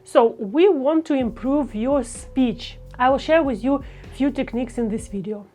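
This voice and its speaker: A woman speech coach talking to camera, with a careful, deliberate delivery and phrasing. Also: high-pitched, warm tone, faint music behind. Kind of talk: instructional talk to camera.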